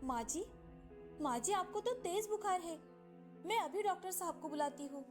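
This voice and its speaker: A woman voicing a gentle, dutiful young wife who speaks softly and respectfully. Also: very high-pitched, expressive, moderate pace, music in the background, voice pushed up. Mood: concerned. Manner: soft and respectful.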